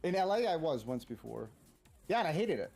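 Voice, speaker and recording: Male, thirties, Boston accent, casual personal storytelling, halting, repetitive phrasing. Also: a little high, big pitch swings, vocal fry, darkish tone, faint music behind. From Massachusetts, United States. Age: 30s. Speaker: streamer.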